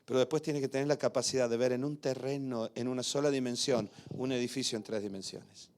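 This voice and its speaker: Older male pastor in a church, mid-pitched, storytelling sermon that swells loud on key points. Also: fairly even intonation, brisk, a little hiss or hum.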